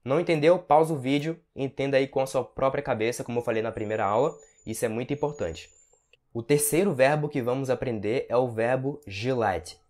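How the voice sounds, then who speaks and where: A man teaches Russian to beginners at a mid pitch. He talks in a relaxed, explaining way and drops to a slow, careful pace whenever he says a Russian word or phrase. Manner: explains patiently, slows down sharply for Russian examples. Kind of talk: language lesson.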